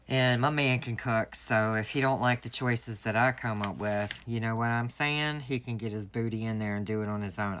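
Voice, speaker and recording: A woman's voice: rumbling low, a bit bright. Chatty woman. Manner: chatty, storytelling, laughs often. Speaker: planner vlogger. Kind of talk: casual chat while crafting.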